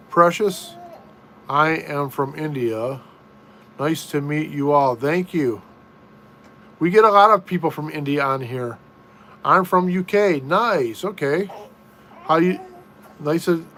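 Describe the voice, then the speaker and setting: An easygoing middle-aged American man chats on a home live stream. His voice sits a little high for a man, and he speaks slowly, repeating himself and starting sentences over as he answers viewers. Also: bright, forceful tone. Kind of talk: casual live chat reading viewer comments. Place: room at home.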